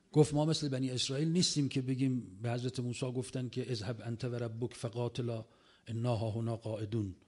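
A man's voice: mid-range voice, darkish tone. A man telling an audience about a long conversation, acting out the quoted lines as he retells them.

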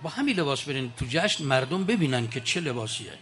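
A man voicing a sly tailor who flatters a king into wearing nothing. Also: medium pitch, voice pushed down, natural voice. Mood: flattering.

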